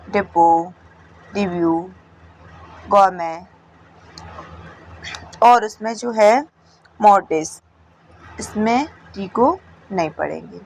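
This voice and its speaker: Woman teacher, unhurried step-by-step lesson, faint background hum. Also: medium pitch, low-quality recording. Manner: slow, with repeated checks like "theek hai". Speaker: English teacher. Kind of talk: explaining a classroom lesson.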